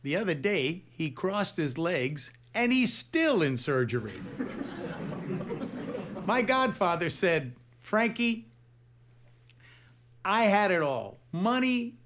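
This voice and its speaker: An actor playing a wisecracking lounge host who tells punchy jokes with slow timing. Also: male voice, high voice, sing-song, noisy background, full character voice. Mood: joking. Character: wisecracking Italian-American lounge host, brash.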